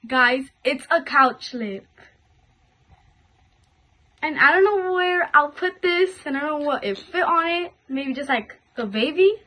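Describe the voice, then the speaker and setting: A woman's voice: high-pitched, expressive, measured pace, pushed and bright. A woman chatting informally to her viewers as she hosts a casual toy unboxing vlog. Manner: informal, repeatedly addressing viewers as "guys". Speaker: host of a toy unboxing video.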